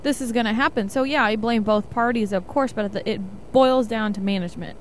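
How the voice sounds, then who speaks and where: A woman's voice: fairly high pitch, a little fast, slight background noise. A woman co-hosting a radio talk show, airing strong opinions in casual chat. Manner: opinionated, laughs easily.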